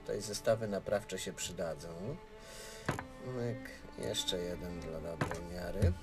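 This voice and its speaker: A man's voice: low voice, slow. A man giving casual, playful and self-mocking gameplay commentary as a let's play host. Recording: game music behind the voice.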